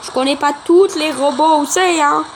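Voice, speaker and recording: High-voiced excitable woman commentating gameplay. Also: normal speed, background noise. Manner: chatty, excitable, talks to viewers and opponents. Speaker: gameplay channel host.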